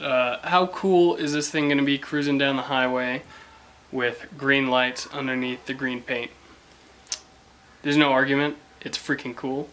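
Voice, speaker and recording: A young man talking casually and excitedly to camera while working on his car, with a self-mocking tone. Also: medium pitch, a little hiss or hum. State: out of breath. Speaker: car vlogger. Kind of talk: casual garage vlog.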